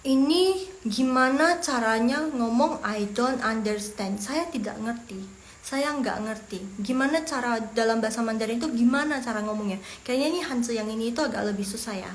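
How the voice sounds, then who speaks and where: A woman's voice: on the high side, roomy sound. Chatty woman teaching Mandarin. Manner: chatty, repeats phrases slowly and clearly for learners. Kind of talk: casual language lesson.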